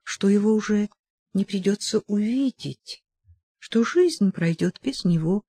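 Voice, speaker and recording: A woman reading the lines of a gentle, sorrowful young noblewoman in an audiobook, softly and tenderly. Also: medium pitch, animated, a little slow, slightly rough, no room sound, pitched above the performer's own voice. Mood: gentle, sad.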